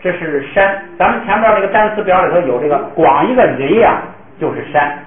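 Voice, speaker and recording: A man teaching a classroom pronunciation lesson, patiently modeling words slowly for the class to repeat. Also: high-pitched, animated, crowd noise. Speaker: language teacher. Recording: echoey room, tinny phone-like sound.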